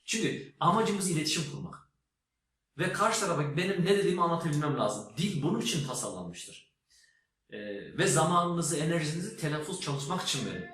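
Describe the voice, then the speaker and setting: A man's voice: a little high, very animated, fairly quick, a bit bright. Emphatic man teaching in an echoey room. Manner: emphatic, teacherly, demonstrates words aloud. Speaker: English teacher. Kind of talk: spoken lesson to camera. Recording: very echoey room with faint noise.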